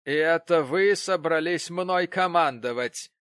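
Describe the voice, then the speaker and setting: Мужчина-чтец озвучивает насмешливую вспыльчивую пожилую сиделку, которая язвит и кричит. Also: male voice, on the high side, a little slow, clear, resonant tone, no room sound, studio quality, pitched above the performer's own voice. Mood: sneering. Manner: sneering, shouting. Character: mocking, bad-tempered old woman nurse.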